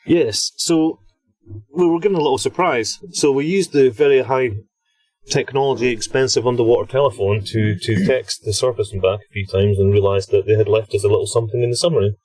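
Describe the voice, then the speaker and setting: A British man hosting a podcast, chatting and laughing often while he records an audio log from inside a small deep-sea submersible. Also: fairly quick, a little mellow, no room sound. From Britain. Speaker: expedition scientist and podcast host.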